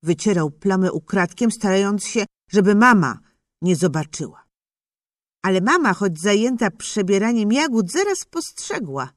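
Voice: medium pitch, very animated, normal speed, no room sound, clean studio sound. A narrator reading a children's story in the first person as a young boy, telling it expressively. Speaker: audiobook narrator.

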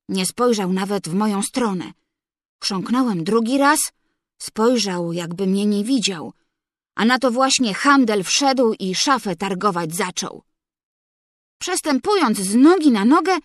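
A woman reading a story aloud as narrator, in an unhurried, measured storytelling manner. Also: a little high, dry recording, clean studio sound. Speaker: audiobook reader. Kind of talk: literary narration.

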